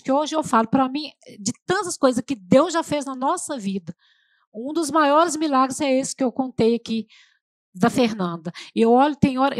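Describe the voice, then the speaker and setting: Brazilian woman preaching in church, high voice, dry close sound, chatty and emotional. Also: no room sound. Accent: Brazilian Portuguese. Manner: emotional, conversational, addresses audience as "gente". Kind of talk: testimonial sermon.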